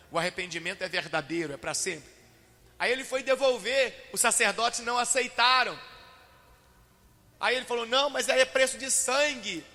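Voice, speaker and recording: A man with a Brazilian accent preaching a sermon as pastor, asking rhetorical questions and rising to loud emphasis. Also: sits high. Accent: Brazilian Portuguese. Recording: church broadcast with long hall reverb.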